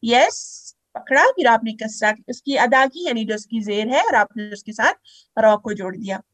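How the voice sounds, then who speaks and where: Patient woman teaching slow recitation. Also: on the high side, fairly bright tone, dry recording. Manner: patient, drawing out syllables to demonstrate. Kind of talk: step-by-step recitation lesson.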